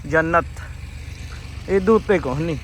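A man's voice: a little high, measured pace, fairly bright tone. A young man with a Punjabi accent chatting casually and expressively, teasing and repeating his phrases as he vlogs outdoors. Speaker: vlogger. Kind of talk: casual chat while vlogging farm work. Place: outdoors on a farm. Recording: noisy outdoor recording with engine hum.

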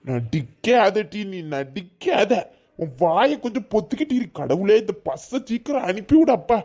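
A man's voice: high voice, very animated, moderate pace, dark tone, full character voice. A man acting an exasperated husband with a Kanyakumari Tamil accent, scolding his wife. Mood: irritated. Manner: irritated, scolding. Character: exasperated husband leaving for work abroad. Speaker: comedy sketch actor.

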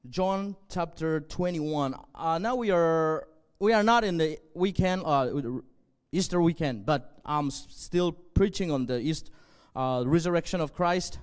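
Earnest pastor, Zomi native, hall reverb. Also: male voice, a little high, smooth. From northwest Burma. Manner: earnest, measured, with frequent pauses and fillers. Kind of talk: sermon. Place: church stage, indoors. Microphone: handheld.

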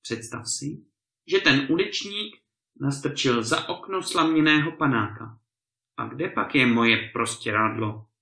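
A man's voice: medium pitch, animated, creaky, bright, forceful tone. A man doing a greedy, stern old landowner. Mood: angry. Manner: stern, threatening, bursts of anger. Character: grumpy greedy male landowner, stern and threatening. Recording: echoey room.

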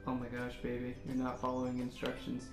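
A man's voice: mid-range voice, monotone, fairly quick, music in the background. Teasing easygoing guy gaming, echoey room. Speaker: co-host playing a video game. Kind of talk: casual chat while gaming.

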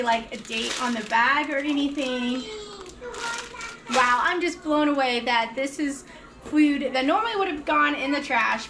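A woman's voice: high voice, sharp tone, slight background noise. A mother in her thirties chatting casually and enthusiastically to viewers in her home kitchen as she unpacks groceries. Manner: upbeat, enthusiastic, talks straight to viewers. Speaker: vlogger, mother.

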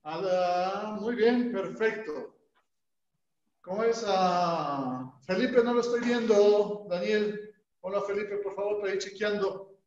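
A man teaching a martial arts class online, counting out drills and calling brisk commands. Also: sits high, a little mellow. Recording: echoey room, distant mic, dull sound.

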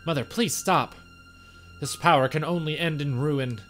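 Man voicing a pleading, gentle princess, raised pitch. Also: moderate pace, soft background music, natural voice. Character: gentle pleading princess, desperate and self-sacrificing.

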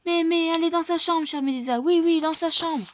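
A woman's voice: very high voice, steady tone, brisk, slight background noise, voice pushed up. A woman voicing a fat, blustering henchman who stammers when scared, in a storybook reading. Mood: stammering.

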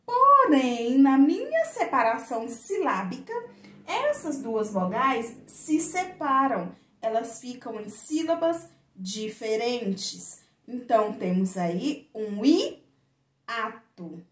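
A woman teacher with a Brazilian Portuguese accent gives a video lesson to children, stretching her words in a slow, sing-song way. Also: on the high side, sing-song, a bit bright. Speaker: primary school teacher. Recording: echoey room.

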